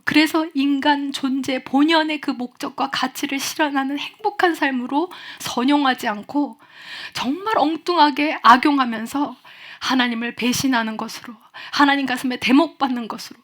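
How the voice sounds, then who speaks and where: A woman pastor delivering a Sunday sermon in an earnest, hushed manner that sinks toward near whispers. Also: sits high. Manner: soft, hushed delivery dropping to near whispers at emotional points.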